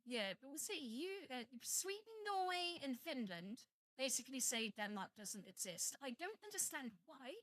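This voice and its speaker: A high, animated, fairly bright voice belongs to a young British woman who takes her time speaking. Half Welsh and half English, with a British accent, she chats casually with live stream viewers, cracking jokes and swearing freely. No room sound is audible.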